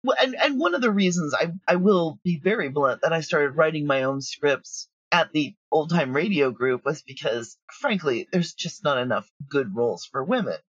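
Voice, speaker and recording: Here an interview guest who writes and produces audio drama speaks candidly, a middle-aged woman who is talkative and confident. Her husky, low-pitched voice is expressive, moving at normal speed with hardly any pauses. The audio is dull but free of echo.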